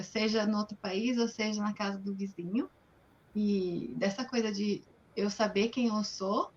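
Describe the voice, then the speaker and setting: Woman from Brazil, higher voice, animated storyteller, lo-fi call sound. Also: slight background noise. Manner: lively storyteller, acts out quoted voices. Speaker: guest. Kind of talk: live interview, personal stories.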